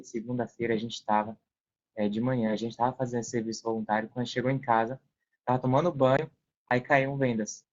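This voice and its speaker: A Brazilian man, a podcast guest who works as an affiliate seller, explains things casually and repeats phrases for emphasis. His voice is mid-range and a little mellow, and the recording sounds dull and band-limited.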